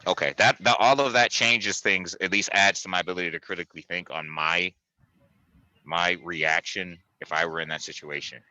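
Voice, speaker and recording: A man co-hosting a casual analytical discussion, speaking deliberately through a mask and often qualifying his points. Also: low-pitched, steady tone, pushed and bright, no echo, poor audio. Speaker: talk show co-host.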